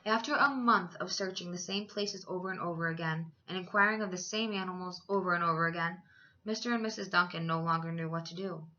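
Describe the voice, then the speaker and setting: A woman's voice: fairly low pitch, fast, pushed and bright, muffled recording, slight background noise. A woman reading a children's story aloud as a teacher, expressively, with dramatic emphasis for young listeners.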